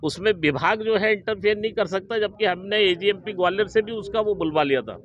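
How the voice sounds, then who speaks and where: A man, a government official, giving a halting, bureaucratic explanation in an interview. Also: high-pitched, fairly bright tone. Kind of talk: interview response.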